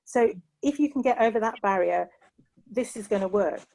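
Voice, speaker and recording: Her mid-range voice is gravelly and warm, moving at a moderate pace on a low-quality recording. She's a middle-aged British-accented panel guest from England sharing sincere personal reflections and often saying "you know."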